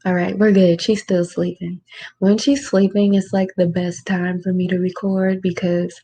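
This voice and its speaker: Woman, spiritual teacher running a casual at-home Q&A, informal and rhetorical, voice held low. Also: little pitch movement, normal speed, mellow. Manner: informal, rhetorical, keeps asking "right?"; keeps her voice lowered. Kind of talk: casual livestream talk with Q&A. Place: room at home.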